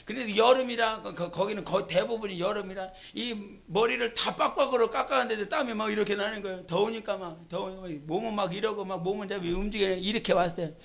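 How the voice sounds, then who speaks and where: A woman pastor preaching a sermon at an evening church service. She moves between soft storytelling and shouted exhortation. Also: medium pitch, quick pace, gravelly, few pauses.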